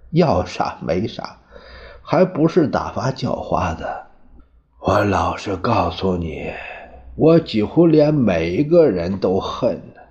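A bitter aging politician, voiced by a male storyteller, drags his words out slowly in a lowish voice. His tone is weary and self-pitying. The audio sounds dull and lo-fi. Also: darkish tone. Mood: resentful.

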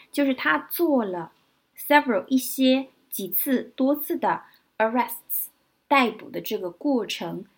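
A woman runs an English vocabulary lesson, spelling words letter by letter and slowly repeating example sentences. Her medium-pitched voice is gravelly and husky.

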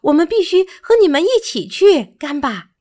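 A woman reading a storybook aloud and voicing a small, excitable male monkey who complains when he is hungry. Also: sits high, normal speed, voice pushed up. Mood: excited.

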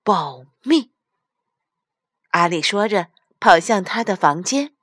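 A woman reading a children's storybook aloud as the storyteller, gentle and deliberate. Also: medium pitch, no echo, studio quality.

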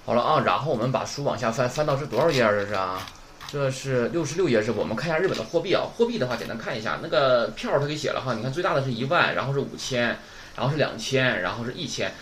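Northeast chinese guy teaching a class, talks quick and bouncy, always checking "right?". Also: medium pitch, lively intonation, a bit bright, slight background noise. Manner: chatty, keeps asking "right?". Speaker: Japanese teacher. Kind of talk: online class lecture.

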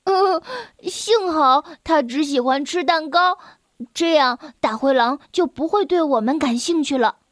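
A woman voicing a brave, eager young male chick in a children's storybook, bold and quick. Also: sits high, dry recording, clean studio sound.

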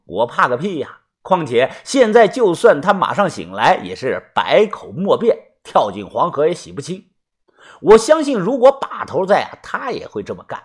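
A man's voice: fairly high pitch, a bit bright, breathy edge. A man narrating a first-person audiobook story in a chatty way, padding phrases with little fillers.

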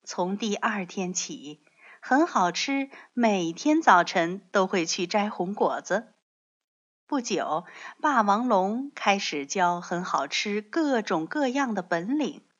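Slow, expressive woman storyteller. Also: mid-range voice. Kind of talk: picture-book narration. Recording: dull lo-fi audio.

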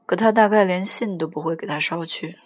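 A woman reading a first-person novel aloud in a plain, even storytelling manner. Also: lowish voice, fairly quick. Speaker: audiobook reader.

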